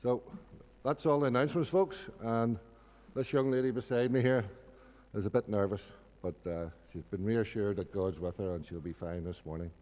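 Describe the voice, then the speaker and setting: A man's voice: on the low side, fairly even intonation, normal speed, dark tone. A middle-aged man with a Northern Irish accent, giving informal church announcements at a lectern microphone. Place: indoor church hall at a lectern. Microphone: gooseneck lectern microphone. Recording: reverberant church hall.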